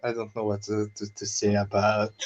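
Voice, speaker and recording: A man co-hosting a casual boxing podcast, talking haltingly with many fillers and restarts. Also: fairly low pitch, completely flat delivery. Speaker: podcast co-host. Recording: dull lo-fi sound.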